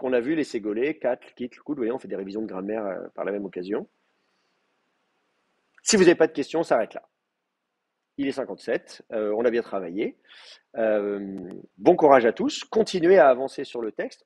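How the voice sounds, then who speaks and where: A man's voice: medium pitch, lively intonation, a little fast, darkish tone, breathy edge. A male teacher giving a live class, explaining step by step with many fillers and checking that students follow.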